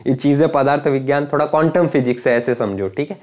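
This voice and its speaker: Speaking to camera, a young man gives an explanatory lecture, grounding each point in everyday examples and pausing often to ask if his audience keeps up. He talks quickly in a mid-range, slightly mellow voice.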